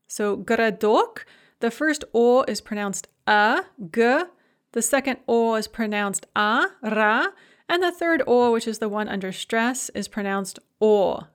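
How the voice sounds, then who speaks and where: A woman teaching a pronunciation lesson, explaining rules step by step and carefully sounding out example words. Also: on the high side. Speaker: language teacher.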